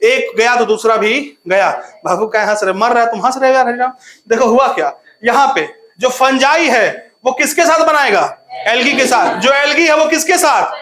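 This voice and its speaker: Young male tutor, bright forceful voice, playful call-and-response lecturing style. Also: very high-pitched, normal speed. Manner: laughs often. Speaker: biology teacher. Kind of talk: online classroom lecture.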